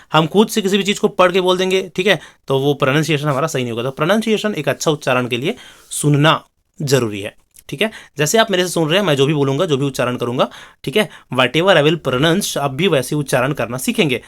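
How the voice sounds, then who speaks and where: A man, his voice sitting a little high, teaches an exam-prep class. He explains at an easy clip, then slows right down for the English definitions, dropping in frequent check-ins and fillers along the way. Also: animated, a bit bright. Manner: explains in Hindi, reads English definitions slowly.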